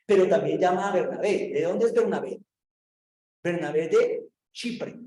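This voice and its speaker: A man delivers a Bible lesson in a preacher's manner, talking conversationally and circling back over his phrases as he turns to his listeners. His voice sits fairly high yet sounds mellow and dark. The room around him gives back a clear echo. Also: expressive, unhurried. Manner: conversational, repeats phrases, addresses listeners directly. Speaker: theology teacher.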